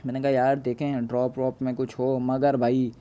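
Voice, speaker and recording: Joking gamer, mellow voice. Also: male voice, mid-range voice, little pitch movement, normal speed, highs cut off. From Pakistan. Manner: casual, joking, playful storytelling. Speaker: gaming YouTuber. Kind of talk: gameplay voice-over commentary.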